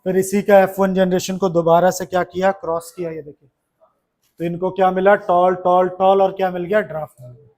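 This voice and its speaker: Man teaching a classroom lesson, high voice, chatty, keeps asking questions. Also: little pitch movement, fairly quick, a little mellow.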